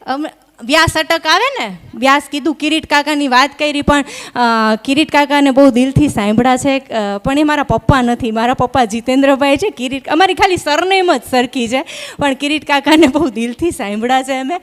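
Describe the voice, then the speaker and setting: Young woman, stand-up comedian, high voice, chatty, teasing, stage mic. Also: a little fast. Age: young adult. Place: live stage at an event hall. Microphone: stage microphone.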